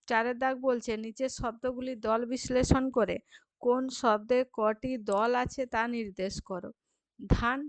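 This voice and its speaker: A woman's voice: fairly high pitch, dry recording. A woman teacher with a Bengali accent, reading workbook questions and answering them, drawing words out syllable by syllable.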